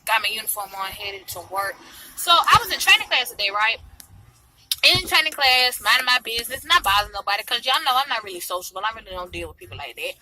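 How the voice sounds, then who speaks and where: A woman tells a story casually from her car, with a very bright, forceful voice that moves quickly. A tongue piercing gives her a slight lisp. Her delivery is sassy, animated and full of slang. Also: fairly high pitch, soft background music. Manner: slangy, sassy, mimics others' remarks. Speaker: vlogger telling a personal story. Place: inside a car in traffic. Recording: noisy car interior in traffic.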